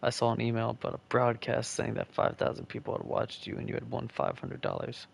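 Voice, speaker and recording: A man's voice: medium pitch, fairly even intonation, brisk, gravelly, a little hiss or hum. A man reading the first-person narration of a nervous, curious young man in a game, now and then stammering. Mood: anxious.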